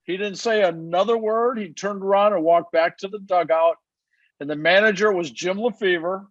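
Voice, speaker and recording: A man's voice: high-pitched, moderate pace, no room sound, muffled recording. An older man, a retired umpire, casually telling stories with lots of "you know" asides. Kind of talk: casual anecdote.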